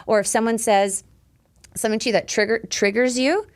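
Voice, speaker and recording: Emphatic, animated woman in her forties. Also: fairly high pitch, brisk. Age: 40s. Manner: emphatic and animated, swears freely. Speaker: podcast guest, lifestyle coach. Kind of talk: casual conversational interview.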